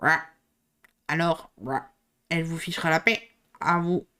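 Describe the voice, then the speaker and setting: A woman voicing a very old, slow male frog doorkeeper with a hoarse, low, drawling voice and folksy slang. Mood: wheezing. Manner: slow and muttering, with folksy slang and wheezing "ouah" breaths.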